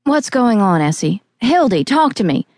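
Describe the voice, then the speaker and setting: Exasperated coffee shop woman, high and urgent, as a narrator plays her. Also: big pitch swings, moderate pace, a little mellow, no echo, studio quality. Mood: pleading, frantic. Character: excitable, exasperated female coffee shop owner. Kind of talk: cozy mystery audiobook dialogue.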